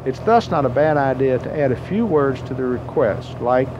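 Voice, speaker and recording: Narrating a pilot training script, a man explains things plainly at a moderate pace, his medium-pitched voice expressive. The old tape recording is muffled and noisy.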